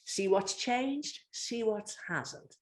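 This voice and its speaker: A woman hosts an online celebration event and talks over a video call. She introduces guests in a polished, friendly way and puts relaxed questions to them. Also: mid-range voice, extremely slow. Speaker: host. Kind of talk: hosting an online alumni event.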